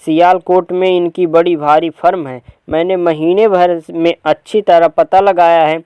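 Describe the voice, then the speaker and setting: A man's voice: on the high side, steady tone, a little slow, clear, resonant tone, dry recording, muffled recording, natural voice. A man reading a play aloud and voicing a stern, scheming old father who gives orders. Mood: gruff. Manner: commanding, calls out loudly.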